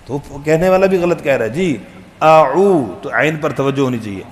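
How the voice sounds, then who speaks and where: A man teaching a Quran recitation lesson, quizzing the students and calling out letter sounds loud and long. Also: on the high side, expressive, slight background noise. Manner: drills letters aloud, loud and drawn out; asks students questions, jokes. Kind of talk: classroom tajweed lesson.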